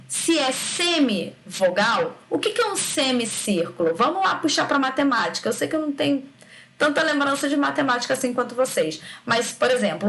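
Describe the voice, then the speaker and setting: Lively woman teacher drawing out syllables. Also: on the high side. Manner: lively, stretches out syllables to demonstrate sounds; checks in with students often. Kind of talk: recorded grammar lesson.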